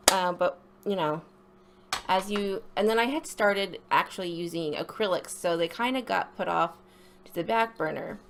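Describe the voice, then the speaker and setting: Woman w a slight lisp, lowish voice, rambly casual art voiceover, bit of noise behind her. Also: vocal fry. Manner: rambling, informal, apologetic asides. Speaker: art video creator. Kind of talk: casual voice-over for an art swatching video.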